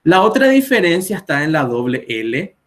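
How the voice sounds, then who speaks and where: A man's voice: fairly high pitch, big pitch swings, normal speed. A man in his twenties with a Paraguayan Spanish accent, a Spanish teacher patiently explaining pronunciation with spoken examples on a live video stream. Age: 20s.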